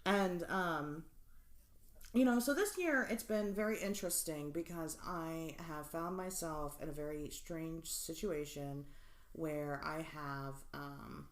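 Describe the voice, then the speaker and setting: Her voice sits low and she speaks slowly, heard in a reverberant space. She's a woman in her late twenties co-hosting a podcast, her casual chat rambling along with plenty of fillers and frequent laughs.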